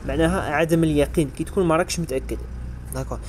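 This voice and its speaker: A man's voice: on the high side, very fast, a little mellow, slight background noise. A man with an Algerian Arabic accent explaining French grammar as an exam revision lesson, spelling out verb endings letter by letter. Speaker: French teacher.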